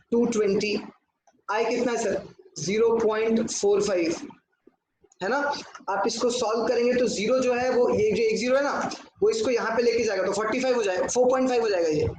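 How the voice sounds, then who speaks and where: A man teaching a lesson in a very high register, and he answers the questions he puts to the class. His voice rings around a hard, echoey room, and there is steady noise behind it. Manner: talks at a board, asks and answers his own questions, mixes in English. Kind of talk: classroom lecture.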